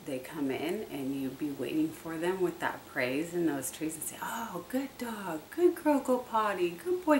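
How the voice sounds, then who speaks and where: A woman with a low voice talks through her dog training tips in a chatty, repetitive way, full of ums and asides. She sits some way from the mic, so her voice sounds distant, in an echoey room with a faint hiss behind it. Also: a bit bright. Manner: chatty, repetitive, many fillers. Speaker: dog owner vlogger. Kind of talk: casual how-to talk.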